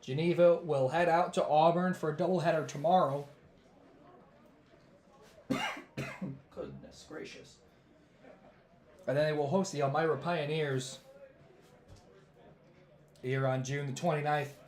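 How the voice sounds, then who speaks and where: A man doing baseball play-by-play who is losing his voice, with calm measured calls that rise on big plays. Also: on the high side, echoey room. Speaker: play-by-play announcer.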